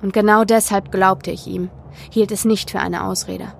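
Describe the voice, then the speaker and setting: Gravelly-voiced woman narrating an audiobook. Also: medium pitch, fairly even intonation, moderate pace, a little hiss or hum. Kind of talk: audiobook narration, first person.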